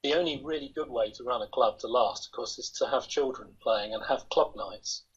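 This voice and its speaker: Talking fairly quickly in a husky, mid-range voice, this older man wanders through his answers with self-deprecating humor. He's an interview guest calling in over video from indoors at home. Captured through a laptop webcam, the call audio sounds dull and lo-fi.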